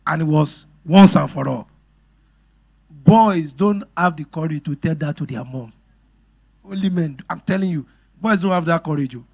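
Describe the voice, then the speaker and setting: A middle-aged pastor with a Nigerian English accent giving a sermon on marriage, animated and often laughing as he talks straight to the congregation. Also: a little high, moderate pace, creaky, pauses often.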